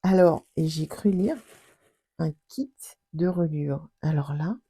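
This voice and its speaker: A woman vlogger chatting casually as she opens packages, gushing with exclamations and sometimes dropping into soft whispers. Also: sits low, slow pace, breathy edge. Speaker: scrapbooking vlogger. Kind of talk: casual unboxing chat.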